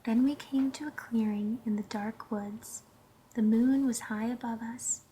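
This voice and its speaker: A woman reading a children's story aloud in a gentle, hushed, unhurried way, pausing to put questions to her listeners. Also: on the high side, steady tone, a little hiss or hum, poor audio. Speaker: storybook reader.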